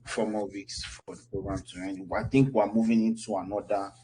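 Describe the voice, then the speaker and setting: A crowd murmurs in the background as a Nigerian instructor in his thirties answers questions briskly in a low voice with little pitch movement. His easygoing online class has a chatty feel, peppered with fillers and restarts.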